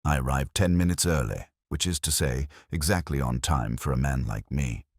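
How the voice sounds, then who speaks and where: A man playing a brooding, literate police inspector, narrating a detective drama in a measured, wry, reflective way. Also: very deep voice, a little mellow, no echo, clean studio sound. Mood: dry, observant. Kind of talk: scripted first-person detective drama narration.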